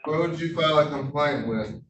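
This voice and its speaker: A man's voice: a little high, normal speed, a bit bright. Role: judge. Sex: man. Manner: formal, hesitant. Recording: distant, roomy courtroom recording with faint hum. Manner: formal, polite, with frequent hesitations. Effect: courtroom recording from a distant room mic. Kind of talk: presiding over a remote court hearing.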